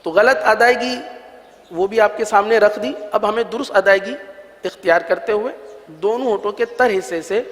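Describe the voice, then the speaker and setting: Man, recitation teacher, high voice, patient, repeats sounds slowly, long hall reverb. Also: a bit bright, a little hiss or hum. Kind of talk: religious lesson.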